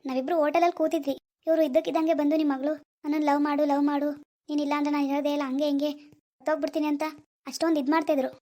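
A young man playing a stubborn village man who argues quickly and bluntly in a village drama. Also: very high voice, level tone, mellow. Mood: explaining.

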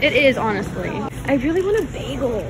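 A 22-year-old woman vlogging chattily from her airplane seat, easily excited, talking into a phone camera held close. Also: high-pitched, a little fast, loud music behind the voice, a loud crowd. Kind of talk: casual travel vlog. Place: airplane cabin by the window. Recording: plane engine noise, distant mic.

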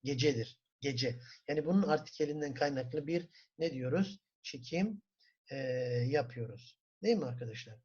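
A man with a Turkish accent teaching a German class, asking the students questions, answering them himself and repeating words slowly for pronunciation. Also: on the high side, a little mellow, breathy edge. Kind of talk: classroom lesson. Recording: dull lo-fi recording.

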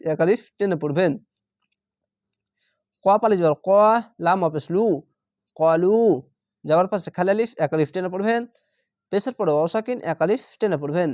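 In a high voice with a darkish tone, a man guides learners through Quran reading, sounding out Arabic letters and syllables individually and lengthening the long vowels. He's patient and methodical, repeating syllables as he goes. It's a studio-quality recording without echo.

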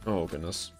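Young man, livestream gamer, rambling casual talk, lowish voice, faint game music behind. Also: warm tone. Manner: rambling, filler-heavy, talking to chat. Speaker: streamer. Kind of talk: casual live gameplay commentary.

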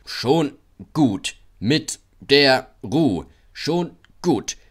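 A man voicing silly, rowdy freight wagons in an audiobook, with shrill squealing and teasing chants. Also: animated, very slow, a bit bright, breathy edge, exaggerated voice. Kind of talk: audiobook character voice.

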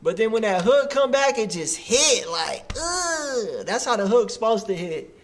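A man in his thirties hosting a music review stream, reacting in casual, animated street slang. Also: high-pitched, a little slow, a little hiss or hum. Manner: hyped, animated, full of slang like bruh. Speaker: host of a music review livestream.

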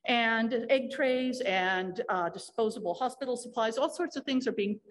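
A woman's voice: fairly high pitch, moderate pace. A woman giving a technical conference talk in a lecture hall, explaining with frequent fillers and restarts. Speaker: conference speaker.

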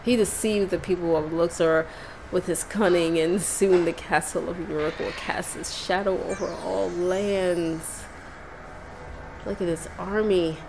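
A woman's voice: lowish voice, fairly even intonation, a little slow, creaky, noisy background. A woman voicing an arrogant villain, reading his lines in a haughty, mocking way. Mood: gloating. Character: gloating, arrogant male villain. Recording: game music underneath.

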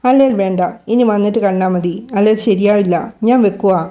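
A sulky young woman in a spoken romance story, sobbing and pouting down the line, as a woman narrator reads her part. The tone stays mellow and warm, never sharp. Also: mid-range voice, a little fast, lightly acted. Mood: flustered.

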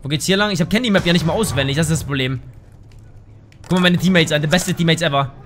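A man giving casual gameplay commentary, excitable, yelping and swearing at the game into a desk microphone at home. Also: on the high side, quick pace, slight background noise. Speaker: gaming YouTuber.

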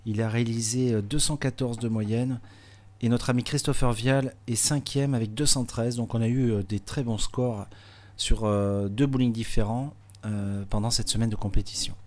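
A man's voice: medium pitch, fairly even intonation, moderate pace, a little mellow. Chatty male bowling commentator. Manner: chatty, explanatory, with frequent hein and euh fillers. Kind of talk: live sports commentary.

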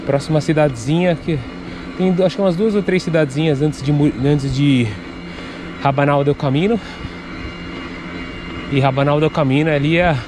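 With a somewhat high, stuffy voice from a cold, a man vlogs as he bikes along country roads, his chatter picked up by a handlebar-mounted action camera. He keeps up a casual, rambling commentary full of restarts. Background noise from outdoors is present.

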